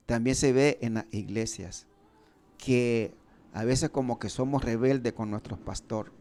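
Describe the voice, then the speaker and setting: A man from Nicaragua preaching a live radio sermon, earnest and halting, with frequent fillers and restarts, and serious in manner. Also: medium pitch, a little mellow. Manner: describes himself as serious. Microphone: radio studio microphone.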